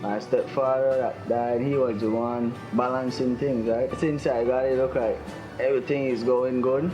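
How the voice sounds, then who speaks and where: A young man who works as a mechanic speaks casually in a testimonial. Clear guitar music plays behind him. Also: medium pitch, fairly even intonation, normal speed, highs cut off. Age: young adult. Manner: casual, plain-spoken.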